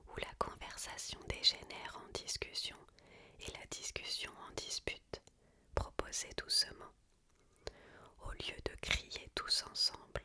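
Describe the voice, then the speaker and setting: A woman gives an ASMR book reading entirely in a hushed library whisper. She takes her time over every phrase, measured and careful. The whisper has a bright, crisp edge. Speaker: ASMR reader.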